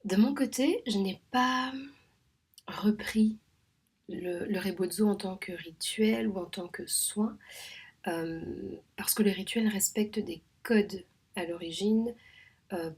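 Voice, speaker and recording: A woman from Réunion, a home midwife, talking in a soft, measured way that often drops to a half-whisper, with frequent hesitations. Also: medium pitch, husky. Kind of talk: reflective spoken monologue.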